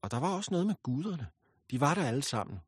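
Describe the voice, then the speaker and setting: A man's voice: fairly high pitch, big pitch swings, husky, no room sound, clean studio sound. A man voicing a loyal young warrior companion with an earnest, direct manner. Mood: fearful. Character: loyal young male companion, bold then fearful.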